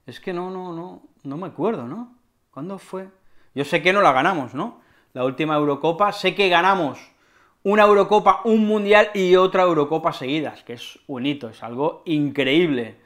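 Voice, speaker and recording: A man with a high voice and a Spain Spanish accent runs a playful language lesson by acting as a football fan. He bursts into loud cheers, then drops to anxious mutters. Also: moderate pace. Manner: excitable, swings between cheering shouts and nervous mutters. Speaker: Spanish teacher.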